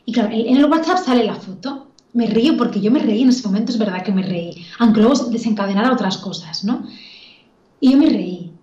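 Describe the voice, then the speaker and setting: A woman's voice: fairly high pitch, animated, brisk, warm tone, roomy sound, muffled recording. A woman, a spiritual teacher telling a story in casual spoken teaching, chatty and laughing often, with many restarts.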